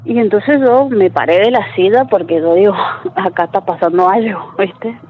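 A woman's voice: mid-range voice, moderate pace. A woman, a caller telling a true story in a chatty way with lots of tag questions. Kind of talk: casual storytelling. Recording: tinny phone line with faint noise.

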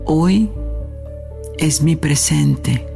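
A woman narrating a guided meditation in a soothing, sultry, soft manner, leaving long pauses between phrases. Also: low-pitched, creaky. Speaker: podcast host and meditation guide. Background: New-age music.

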